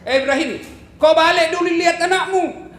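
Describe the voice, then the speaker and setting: A man's voice: extremely high pitch, normal speed, fairly bright tone, echoey room, voice pushed up. A man voicing a sly male devil who coaxes and mocks. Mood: coaxing. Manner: coaxing, mocking pleas.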